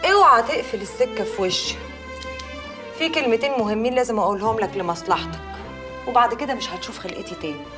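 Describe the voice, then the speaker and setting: A woman's voice: on the high side, fast talker, over music, natural voice. An actress playing an urgent, secretive woman with an Egyptian accent, talking insistently. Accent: Egyptian Arabic. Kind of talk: TV drama acting.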